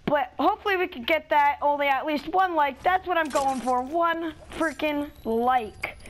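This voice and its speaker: A young woman with a fairly high voice chats her way through a game session, talking quickly and restarting her sentences. A faint hiss sits under the recording. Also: low-quality recording. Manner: chatty, talks fast and restarts often. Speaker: gaming channel host. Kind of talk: casual gameplay chat.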